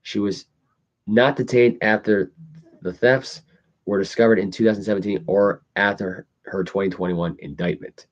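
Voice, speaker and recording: Male podcast host, lowish voice, casual news read with halting, stumbling delivery, muffled low-fidelity recording. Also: steady tone. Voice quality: imprecise articulation of longer words. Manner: halting, stumbles over words when reading. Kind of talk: casual news commentary, reading articles aloud. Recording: dull lo-fi audio.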